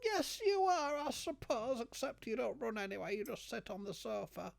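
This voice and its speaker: A British man co-commentating on a game in casual banter, sardonic and deadpan. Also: very high-pitched, normal speed, creaky, no room sound. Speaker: gaming co-commentator. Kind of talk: dry casual banter over gameplay.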